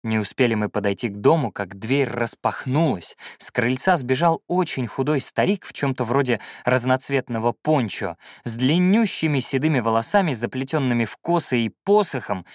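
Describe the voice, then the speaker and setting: A man narrating a first-person fantasy audiobook in an expressive storytelling manner. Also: medium pitch, moderate pace, few pauses, no echo, studio quality.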